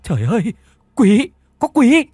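A man's voice: medium pitch, lively intonation, a little fast, no room sound, clean studio sound, lightly acted. A man voicing a timid young female house servant who stammers and speaks deferentially. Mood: terrified.

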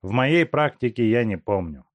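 A stern asylum director, voiced by a male reader, speaking firmly and curtly in a storybook reading. His delivery stays animated, with a dry, close sound. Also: medium pitch, normal speed, no echo, pitched above the performer's own voice, natural voice. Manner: firm, curt, authoritative. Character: stern asylum director, middle-aged doctor.

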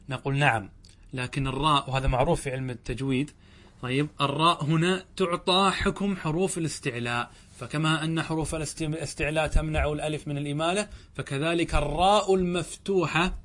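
A sheikh teaching grammar to a class, his voice sitting a little high for a man. He keeps putting questions to his listeners and answering them himself. He often breaks off to fix a word he just said. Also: fairly bright tone.

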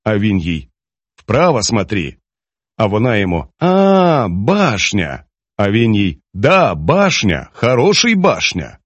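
A man's voice: on the low side, huge pitch swings, measured pace, no echo, highs cut off, heavily acted. A male narrator voicing a sly Soviet man telling a mocking anecdote in an audiobook. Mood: joking.

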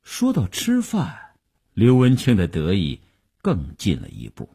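A man narrating a radio novel at a measured pace. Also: fairly low pitch, wildly swooping pitch, mellow, breathy edge. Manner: measured storytelling. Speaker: novel reader.

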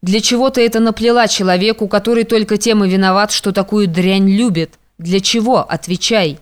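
A woman's voice: medium pitch, fairly even intonation, a little fast, natural voice. A woman reading an audiobook, voicing a stern, domineering young man who speaks harshly and commandingly.

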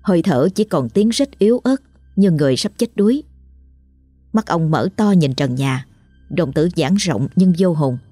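Somber horror narrator: woman, low, dark, dry close sound. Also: animated, breathy edge, no echo, soft background music. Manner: measured, somber storytelling. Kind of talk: scripted horror story narration.

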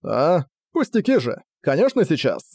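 A man's voice: fairly high pitch, huge pitch swings, moderate pace, darkish tone, breathy edge, no room sound, full character voice. A man voicing an arrogant male king, indignant about his rank.

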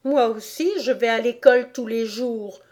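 A polite, inquisitive little girl from a storybook , voiced by a woman reader. She speaks a little higher than the narration, prim and questioning, with a soft, mellow tone. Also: lively intonation, a little slow.

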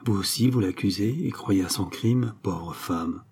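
A man's voice: mid-range voice, moderate pace, warm tone, breathy edge, close to an everyday voice. A man voicing a cunning impostor nobleman who feigns sadness and surprise. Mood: mock-sincere. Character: cunning male impostor nobleman, smooth liar.

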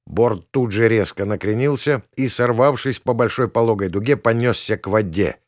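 A man reading a first-person audiobook in a gruff, colloquial way. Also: lowish voice, normal speed, no echo, studio quality. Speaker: audiobook narrator.

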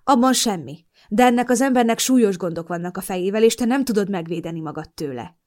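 A woman voicing a young man, a teasing boyfriend with a sharp, scornful edge, in an audiobook. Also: mid-range voice, animated, close to an everyday voice. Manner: teasing, then scornful and cutting.

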